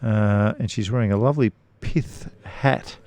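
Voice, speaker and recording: A man's voice: on the low side, unhurried, darkish tone. An Australian man co-hosting a golf podcast, teasing and chatty, laughing often in casual banter. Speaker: podcast co-host. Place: golf club lounge.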